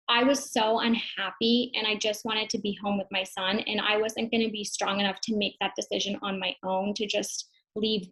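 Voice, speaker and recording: In a personal testimonial, a young mother with an online business reflects casually on her journey, speaking English as her first language with many fillers and restarts. The mid-range voice has a fairly bright tone, though the audio is poor.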